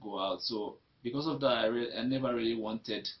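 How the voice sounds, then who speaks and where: A young Nigerian man with a Nigerian accent talks a little fast at a medium pitch. In an interview, he tells his life story as personal testimony, reflective and often repeating himself. The recording is dull and lo-fi.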